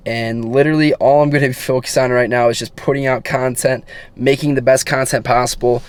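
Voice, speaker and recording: A man's voice: mid-range voice, steady tone, brisk, clean tone. A teenage boy turning eighteen, talking casually and earnestly to his viewers, rambling with many fillers and restarts. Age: teens. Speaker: fitness vlogger. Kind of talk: casual talk to camera.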